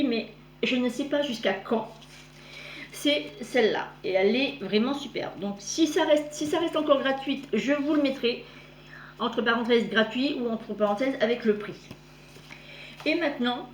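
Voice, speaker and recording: Middle-aged woman chatting about her craft gifts, highish voice, stumbles and corrects herself a lot, roomy echo. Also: slight background noise. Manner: chatty, halting, many fillers and self-corrections. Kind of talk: casual show-and-tell.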